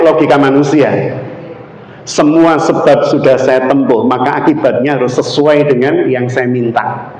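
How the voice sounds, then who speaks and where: A male Islamic preacher with a Javanese accent, giving an animated sermon and quizzing the audience with questions. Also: fairly high pitch. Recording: echoey hall, faint background noise.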